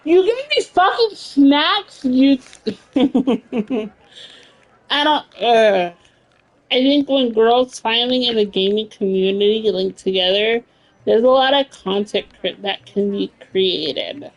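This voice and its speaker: A woman's voice: a little high, animated, slow, rough recording. A woman in her late thirties, a game streamer chatting casually with her live chat, blunt and laughing often, with plenty of swearing. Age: 30s.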